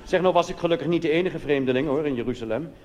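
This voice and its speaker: A Netherlands Dutch cabaret comedian races through a comic monologue in a slightly high, darkish voice. Performing live on a theatre stage, he keeps it conversational and sprinkled with colloquial asides, and the recording is noisy with reverberant hall sound.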